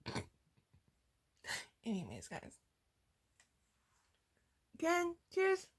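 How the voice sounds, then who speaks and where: A woman vlogging a casual toast, hyper and giggly at times, soft and heartfelt at others. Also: extremely high pitch, wildly swooping pitch, takes it slowly. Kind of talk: casual fan vlog toast.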